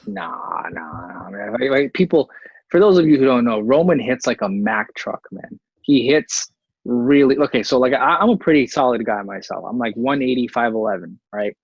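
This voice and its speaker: A man's voice: mid-range voice, lively intonation, moderate pace, creaky, slightly rough, dry recording. A man co-hosting a podcast in casual conversation, easygoing and supportive, often saying "man". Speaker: podcast co-host. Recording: slightly muffled audio.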